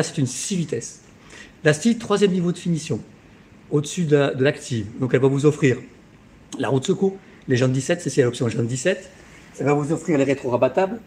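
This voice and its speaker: A man giving a live infomercial sales pitch as a car dealership presenter, with emphatic hard-sell patter that repeats key figures. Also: a little mellow. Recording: clear background noise on location.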